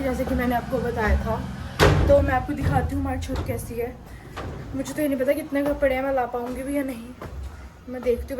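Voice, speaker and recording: A young woman with a fairly high voice and a sore throat chats casually to her viewers in a home vlog, calling them "guys" and mixing Hindi with English. She narrates to camera around her family's kitchen and rooftop, and the recording is reverberant and poor in quality.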